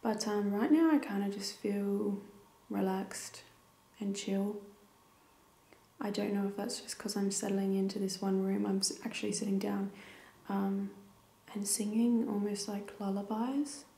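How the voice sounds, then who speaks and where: Creaky-voiced young woman, mellow and soft. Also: mid-range voice, steady tone, a little slow. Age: young adult. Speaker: paranormal investigator. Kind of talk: casual talk to camera during a ghost investigation. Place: small bedroom indoors at night. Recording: echoey room.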